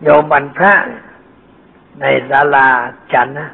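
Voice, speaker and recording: An older man, a Buddhist monk, giving a dhamma sermon in a plain, homely, unhurried teaching manner with folksy asides. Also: mid-range voice, steady tone, gravelly, slightly rough. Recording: old phone-like lo-fi recording with faint hiss.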